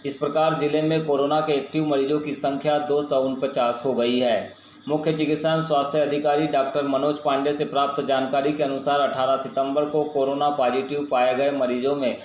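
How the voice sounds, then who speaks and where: A man reading a scripted local news bulletin in a flat, formal manner. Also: mid-range voice. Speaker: news reader. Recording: echoey room with faint noise.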